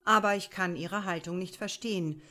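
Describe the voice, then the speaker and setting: A woman voicing a composed male prosecutor who talks in a measured, formal and faintly mocking way. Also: on the low side, bright, forceful tone. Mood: firm.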